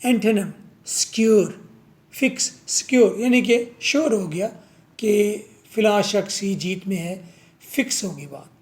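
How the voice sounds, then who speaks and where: A man's voice: sits high, measured pace. A man teaching a vocabulary lesson, drilling words over and over and answering his own questions.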